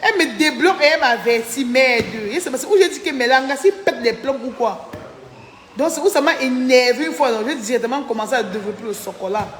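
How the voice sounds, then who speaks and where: A woman's voice: sits high, fairly quick, reverberant, big-room sound. Tired, chatty woman on a live stream. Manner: chatty, reads out viewer names, indignant. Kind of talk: casual live-stream chat.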